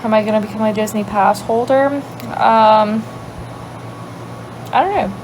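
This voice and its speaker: A young woman from Louisiana with a light Cajun accent, chatting casually on a livestream and answering viewer questions, thinking aloud and trailing off into quiet asides. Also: medium pitch, steady tone, unhurried, slight background noise, poor audio. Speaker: livestream host. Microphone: phone.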